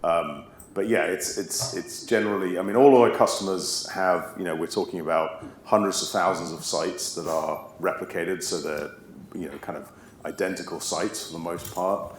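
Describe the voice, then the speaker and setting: A man answering technical questions at a live event, halting, with many restarts. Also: low-pitched. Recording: roomy echo, faint hum.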